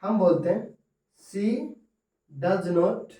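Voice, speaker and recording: High-voiced Hindi teacher, slow and echoey. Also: male voice, warm tone, far from the mic. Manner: repeats examples slowly, often says 'दोस्तों'. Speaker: English teacher. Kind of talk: Hindi-medium grammar lesson. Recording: echoey room, voice from off-mic.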